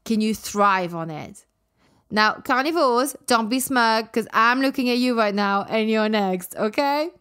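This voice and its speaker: A woman with a high, smooth, slightly bright voice hosts a podcast and works as a women's health coach, addressing listeners directly in an unhurried monologue. Her English R's sound nearly like w's because she can't say them properly. She comes across as blunt, playful and emphatic, often repeating words for emphasis.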